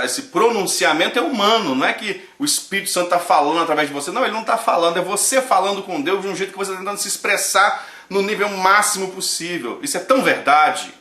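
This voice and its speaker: A man with a Brazilian Portuguese accent giving casual sermon-style commentary, joking and swinging between loud and hushed. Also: sits high, roomy sound. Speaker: pastor and show host.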